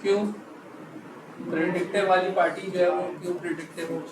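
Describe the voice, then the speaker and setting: High-voiced male instructor in echoey classroom. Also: little pitch movement. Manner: quizzes students, keeps asking "right?"; slows down to stress key phrases. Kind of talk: live classroom lecture. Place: classroom with students. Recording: echoey room, background noise.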